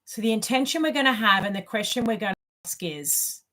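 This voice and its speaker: Speaking to camera from a distance from the mic, this middle-aged tarot reader with an Australian accent gives casual spiritual advice and leans on repetition for emphasis. Her voice is fairly high, pushed and bright, with a brisk, expressive delivery.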